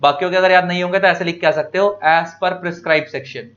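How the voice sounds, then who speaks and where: A man teaching law to exam students in a casual, animated lecture, repeating key points and mixing English terms into his talk. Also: high voice, moderate pace, highs cut off. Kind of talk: informal exam-prep lecture.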